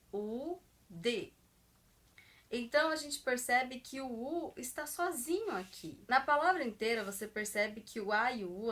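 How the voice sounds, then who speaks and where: A young woman teaching a grammar lesson, patiently repeating example words and stretching them out slowly. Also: on the high side, fairly bright tone. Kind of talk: explaining grammar to viewers.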